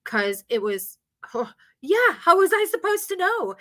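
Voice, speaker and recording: Chatty woman with a bright voice. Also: very high voice, big pitch swings, unhurried. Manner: chatty, rambling, acts out quotes. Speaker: hotel front desk worker. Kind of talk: casual storytelling chat.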